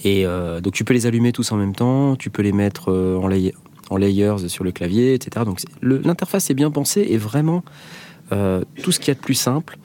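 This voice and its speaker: Host, male, low voice, casual and halting delivery. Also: mellow, slight background noise. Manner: hesitant, many fillers. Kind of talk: casual chat.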